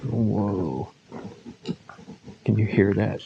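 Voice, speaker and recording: A man's voice: on the low side, drawn-out words, gravelly, highs cut off, faint music behind. A man talking casually and in awe to his camera as he explores alone, his voice echoing in a cave. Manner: awed, informal. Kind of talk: casual vlog chat, speaking to camera. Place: inside a lava tube cave.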